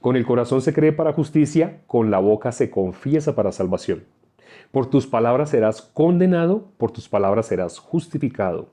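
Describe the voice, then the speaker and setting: A man's voice: medium pitch, animated, normal speed, warm tone. A male preacher giving a sermon, repeating phrases for emphasis and asking rhetorical questions.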